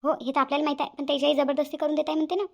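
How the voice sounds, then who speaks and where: Cartoon role: a woman voicing a high, fast, exclaiming village daughter-in-law. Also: little pitch movement. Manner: exclaiming, gossipy. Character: chatty young village daughter-in-law, fussing. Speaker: cartoon voice actress. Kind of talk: cartoon family drama dubbing.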